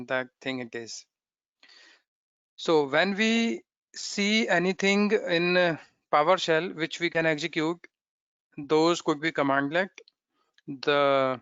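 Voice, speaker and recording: A man walks through a coding tutorial step by step, pausing to check in with his listeners. His voice is bright and crisp and a little higher than most men's. The recording is dry and slightly dull. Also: dry recording. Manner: explains step by step, often checking with "okay?". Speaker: programming instructor.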